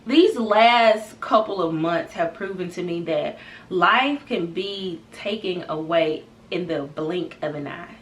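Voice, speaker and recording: A woman's voice: fairly low pitch, slow pace, reverberant, far from the mic, a little hiss or hum. A woman in her thirties talking candidly and casually to her viewers, calling them y'all. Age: 30s. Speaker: vlogger. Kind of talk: casual talk to camera.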